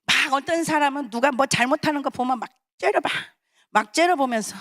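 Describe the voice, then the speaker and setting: A woman's voice: high-pitched, a little fast, fairly bright tone. A woman pastor preaching a sermon, emphatic and conversational, asking the congregation questions and acting out short quoted voices. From South Korea.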